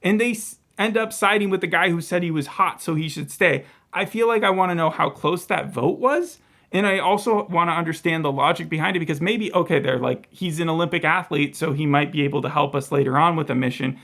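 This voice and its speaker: A man's voice: on the high side, fairly quick. A man co-hosting a podcast, chatting casually and animatedly about a reality show episode. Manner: animated, quotes people in lively voices. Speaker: podcast co-host. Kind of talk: casual review chat.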